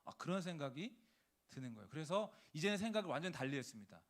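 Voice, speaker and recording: A man's voice: a little high, big pitch swings, fast talker. A male preacher giving a sermon, telling a story and acting out the quoted lines. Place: church.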